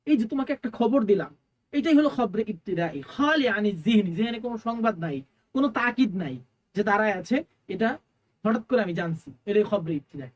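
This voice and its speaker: A woman teacher, giving an exam-prep lecture. She explains each term step by step, puts questions to the listener and answers them herself, and slows to a drawl when reciting phrases. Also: medium pitch, expressive. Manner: explains Arabic terms line by line in Bengali, asks and answers her own questions.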